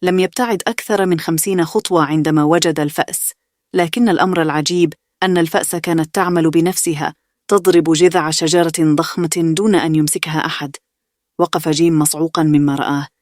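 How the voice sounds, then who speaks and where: A woman narrating a bedtime story in a steady, soothing way. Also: deep voice, dry recording, studio quality.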